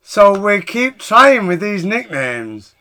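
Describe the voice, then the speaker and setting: A man's voice: high-pitched, sing-song, takes it slowly, sharp tone. A British man hosting a casual, sweary podcast recap of wrestling in an informal way. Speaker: podcast host reviewing wrestling shows.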